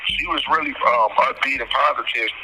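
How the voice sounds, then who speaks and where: A man's voice: mid-range voice, a little fast, sharp tone, slight background noise, poor audio. A man calling from a jail payphone over a fuzzy line, bluntly and profanely recounting what happened to him. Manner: blunt, swears freely. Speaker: incarcerated caller. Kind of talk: recounting own experience.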